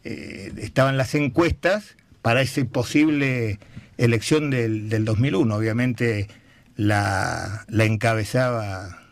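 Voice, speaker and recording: A man with an Argentine Rioplatense accent, a guest on a radio show, telling anecdotes in a halting way with repeated words. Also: medium pitch, dry recording. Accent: Argentine Rioplatense Spanish. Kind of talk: casual radio interview.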